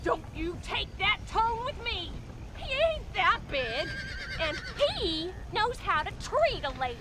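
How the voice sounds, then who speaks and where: A woman's voice: very high voice, big pitch swings, slow pace, very noisy, heavily acted. An actress playing a bitter, sarcastic frontier wife who nags her husband in a video game. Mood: scolding. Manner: sarcastic, scolding. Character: bitter, shrill frontier wife, nagging and bigoted. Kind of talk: video game cutscene acting.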